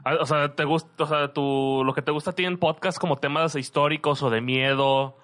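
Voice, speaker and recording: A man's voice: on the high side, steady tone, normal speed, a bit bright. Inquisitive young Mexican man. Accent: Mexican Spanish. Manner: curious, asks questions, laughs easily. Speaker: podcast co-host. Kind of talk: casual chat.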